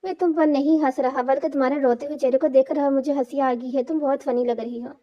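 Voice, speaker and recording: A woman voicing an affectionate young husband who gently teases his wife in an audiobook reading. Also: high voice, fairly even intonation, fast, close to an everyday voice. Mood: teasing. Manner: gently teasing. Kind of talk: reading an Urdu romance novel aloud. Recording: dull lo-fi recording.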